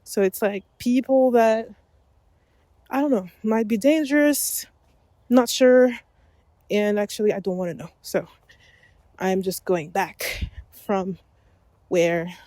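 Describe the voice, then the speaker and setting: Walking along a forest trail, a woman whose first language is French records a solo podcast with no edits, wandering off topic, fixing her own words, and laughing a lot. She takes it slowly with long pauses, in a mellow, medium-pitched voice on a dry recording.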